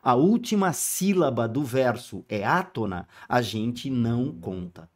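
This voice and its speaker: A male teacher giving a lively, informal exam-review lesson. He spells out rhyme letters one by one and asks students' questions himself. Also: mid-range voice, a little slow.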